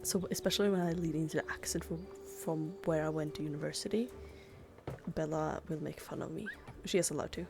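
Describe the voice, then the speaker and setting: Chatty woman with a gravelly voice. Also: deep voice, steady tone, brisk, over music. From Sweden. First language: Swedish. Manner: chatty and rambling, full of "like" fillers. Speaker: gaming YouTuber. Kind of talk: casual gameplay commentary.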